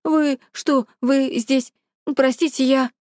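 A woman's voice: high voice, steady tone, takes it slowly, darkish tone, dry recording, clean studio sound, voice pushed up. A woman reading an audiobook, voicing a jealous young female office colleague who scolds indignantly. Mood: flustered.

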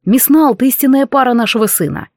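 A woman reading the lines of a calm, firm and tender lord in an audiobook. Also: sits high, fairly quick, no room sound, studio quality, voice pushed up. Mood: steady. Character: large calm lord, steady husband.

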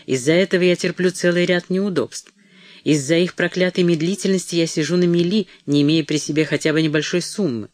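A man's voice: fairly high pitch, a little fast, no room sound, lightly acted. A man voicing a rude, scheming young son who talks curtly and bitterly. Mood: demanding. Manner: curt, bitter and demanding.

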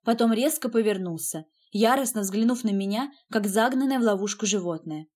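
A woman narrating a first-person audiobook in a steady, even reading voice. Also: mid-range voice, brisk.

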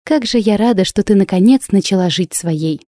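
A woman doing an excitable young woman friend. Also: normal speed, no room sound, studio quality, close to an everyday voice. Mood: lively. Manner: bright, exclaiming, raised pitch. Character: lively, enthusiastic young woman artist friend. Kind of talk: audiobook character voice.

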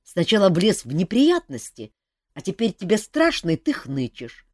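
Woman putting on a gruff grumbling hero. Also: lowish voice, huge pitch swings, normal speed, a little mellow, dry recording, clean studio sound, voice pushed up. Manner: grumbling, sarcastic, curt. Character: gruff grumbling adult male hero, freezing.

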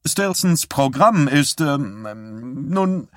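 A man's voice: mid-range voice, lively intonation, drawn-out words, dry recording, studio quality, pitched above the performer's own voice. A man voicing a wry male reporter who briefs matter-of-factly in a raised voice.

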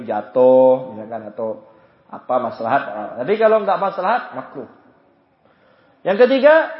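A man leads a religious study class with a high, animated voice that jumps around in pitch. He jokes, acts out small scenes, and breaks into chanted prayer phrases to show how they go. The recording is roomy and slightly dull. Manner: lively, joking, acts out anecdotes. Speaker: religious teacher. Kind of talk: Islamic study lecture. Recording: echoey, dull lo-fi room recording.

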